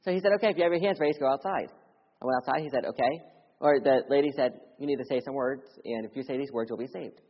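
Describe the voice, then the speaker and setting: A young missionary preacher from Philadelphia delivers a sermon with personal testimony, talking fast and with earnest urgency. His slightly husky voice swings between loud appeals and hushed lows, echoing with long reverb in a church sanctuary on a dull, muffled recording.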